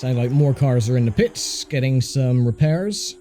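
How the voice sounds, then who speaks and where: A man's voice: medium pitch, expressive, normal speed, mellow. A man giving casual, conversational commentary while he plays a racing game, with mildly grumbling asides. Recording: faint car engine noise behind voice. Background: racing game engine sound.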